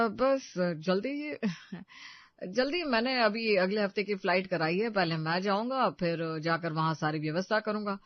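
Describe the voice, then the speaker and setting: A man's voice: high-pitched, dry recording, close to an everyday voice. A man voicing a breezy, reassuring young husband. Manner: casual, reassuring, mixes in English. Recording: dry, slightly dull lo-fi audio.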